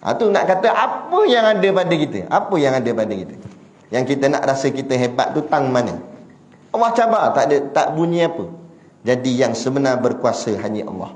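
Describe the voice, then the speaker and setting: A man preaching in a Malaysian Malay accent, telling a story with animated delivery and rhetorical questions. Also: medium pitch, a little fast, echoey room. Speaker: religious preacher. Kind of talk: sermon.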